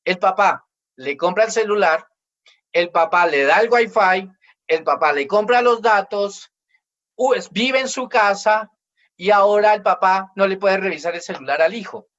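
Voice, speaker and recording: A man's voice: high-pitched, normal speed, a bit bright, dull audio. A man in his forties preaching a family sermon as pastor, emphatic, and he acts out children's complaints in quoted voices.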